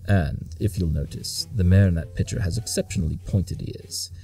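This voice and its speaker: Soft music plays beneath a low-pitched, creaky, dark voice speaking at a normal pace. The actor plays an audio-drama detective of imperious brilliance, condescendingly and impatiently explaining his deductions in smug, clipped monologues.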